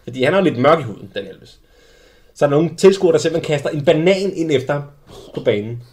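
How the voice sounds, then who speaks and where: A young adult man hosting a casual sports podcast, telling lively anecdotes with many restarts. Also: on the high side, noisy background. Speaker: podcast host. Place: small studio.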